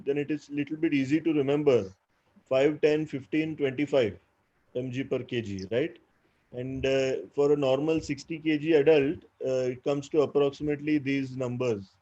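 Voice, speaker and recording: A man with an Indian English accent gives an online clinical lecture to postgraduates. His voice is mellow and his speech is full of "uh"s and "right?" tags as he explains. The sound is dull and lo-fi, like audio from a video call. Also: medium pitch. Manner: explanatory, with frequent "uh" and tag "right?". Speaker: doctor teaching postgraduates.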